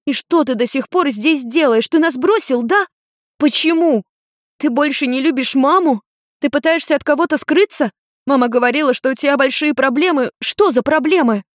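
A high, bright-voiced teenage girl, as a woman voices her in an audiobook, indignant and quick to pile up questions. The recording is dry and close, with no room sound around the voice. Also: dry recording, natural voice. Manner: indignant, rapid-fire questioning. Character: feisty teenage girl searching for her father. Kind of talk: audiobook character voice.

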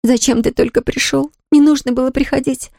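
A woman's voice: sits high, steady tone, brisk, creaky, warm tone, no room sound, studio quality, pitched above the performer's own voice. A woman voicing a distraught young woman who pleads in a trembling voice, near tears.

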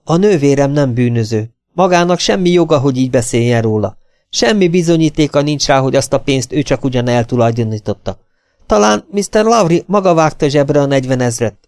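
A man doing a distraught young woman, high and urgent. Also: expressive, darkish tone, no room sound, clean studio sound, close to an everyday voice. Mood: upset defiant. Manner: raised pitch, emphatic, pleading. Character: young adult woman, distraught, defiant sister.

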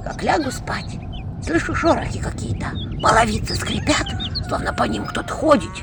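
A woman reading an audiobook, voicing a frightened, shy village widow who pleads in a breathy half-whisper. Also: sits high, expressive, measured pace, very noisy, voice pushed up, full character voice. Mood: hushed fearful. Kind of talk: audiobook character voice.

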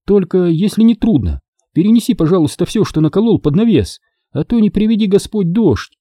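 A man's voice: high-pitched, animated, brisk, warm tone, dry recording, clean studio sound, pitched above the performer's own voice. A man voicing a doting, wailing older village aunt in an audiobook. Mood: doting fuss.

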